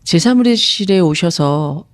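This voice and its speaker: A woman's voice: lowish voice, animated, takes it slowly. A woman in her fifties, a psychological counselor, reading out a viewer's letter and answering it in an earnest, reflective radio-style talk. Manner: earnest, reflective, emphatic at times.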